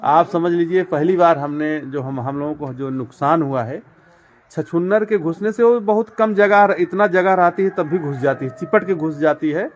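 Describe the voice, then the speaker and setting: A man's voice: a little high, normal speed. A man showing viewers around his poultry farm, explaining step by step with many fillers and repetitions. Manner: addresses viewers directly as friends and brother. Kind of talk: casual walk-through demonstration.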